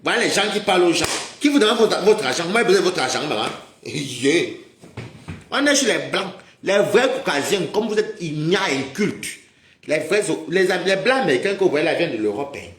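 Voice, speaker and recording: A man's voice: on the high side, big pitch swings, brisk, fairly bright tone, a little hiss or hum. An agitated man hosting a livestream, scolding and mocking his viewers in a heated rant and calling them maman. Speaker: livestream host. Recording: roomy echoey sound.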